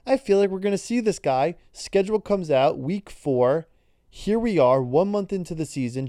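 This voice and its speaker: A man's voice: a little high, dark tone, smooth, no room sound, clean studio sound. A man co-hosting a sports podcast, talking through an upcoming matchup in a conversational, step-by-step way. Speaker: podcast co-host. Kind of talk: casual sports podcast talk.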